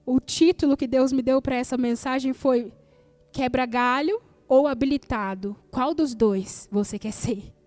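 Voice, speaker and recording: High-voiced woman pastor, Brazilian accent. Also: measured pace, darkish tone, no room sound, faint music behind. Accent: Brazilian Portuguese. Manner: emphatic, repeats key phrases for effect. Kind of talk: sermon.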